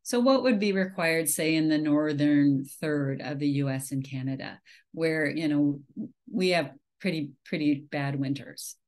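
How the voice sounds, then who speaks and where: A beekeeping presenter from Minnesota goes through her slides on a video call, speaking a little slowly in a voice slightly low for a woman. Her delivery is relaxed and conversational, full of "um"s and restarted phrases. The sound is plain webcam audio from a small room.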